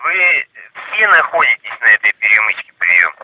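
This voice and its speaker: A man's voice: medium pitch, sing-song, normal speed, bright, forceful tone. A man coordinating over a crackly walkie-talkie, methodically checking and confirming in procedural radio phrases. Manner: methodical, questioning, confirms positions. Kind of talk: two-way radio exchange, procedural call-outs. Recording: crackly radio with noise and clicks.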